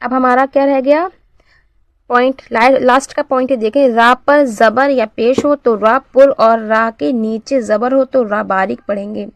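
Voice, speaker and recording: A woman teaching a beginners' Quran reading lesson. She asks questions and answers them herself, and drills syllables slowly and clearly. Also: fairly high pitch, steady tone, no echo.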